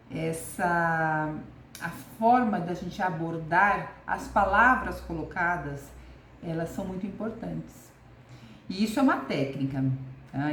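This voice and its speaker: A woman's voice: mid-range voice, a little hiss or hum. A woman coach with a Brazilian Portuguese accent giving a casual video lesson, reflective and repeating her key questions. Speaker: communication coach. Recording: echoey room with faint ambience.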